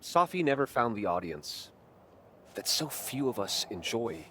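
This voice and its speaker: A pompous literature professor from a video game, holding forth in a lofty, lecturing way. His voice sits at an ordinary male pitch, and his self-importance shows in every phrase. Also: big pitch swings, measured pace, bright, forceful tone, a little hiss or hum.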